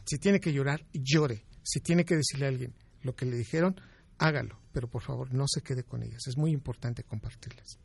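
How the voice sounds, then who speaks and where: A man's voice: medium pitch, normal speed, vocal fry, slightly rough. A man, a doctor guest in an interview, giving emphatic advice and explaining with examples.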